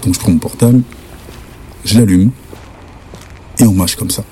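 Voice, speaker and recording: A young man from France telling a spooky personal anecdote in lively, slangy casual speech. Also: deep voice, moderate pace, a little hiss or hum. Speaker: storyteller.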